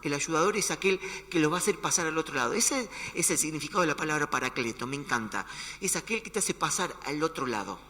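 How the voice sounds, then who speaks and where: An Argentine man with a Rioplatense accent preaching a sermon in a long-reverb church hall. His voice is bright and forceful, pitched a little high, and he slips into quoted dialogue with hushed, dramatic asides. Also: lively intonation, fast talker. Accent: Rioplatense Spanish. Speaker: pastor.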